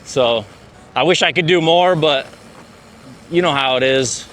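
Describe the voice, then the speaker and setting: A man's voice: fairly high pitch, measured pace, fairly bright tone, slight background noise. A man chatting casually to camera as he rides a bike through city streets, laid-back and talkative. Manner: laid-back, chatty, says "dude" a lot. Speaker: vlogger. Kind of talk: casual vlog chatter while riding.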